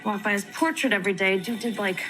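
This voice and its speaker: An actress playing a confident, wry female trauma surgeon giving brisk instructions in a TV drama. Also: mid-range voice, over music, close to an everyday voice, poor audio. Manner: brisk, dry humor. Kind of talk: TV drama acting.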